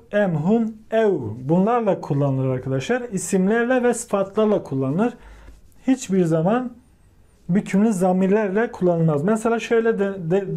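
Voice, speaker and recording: A man teaching a language lesson, repeating each word slowly and calling out to his viewers as he drills grammar forms. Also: sits high, warm tone.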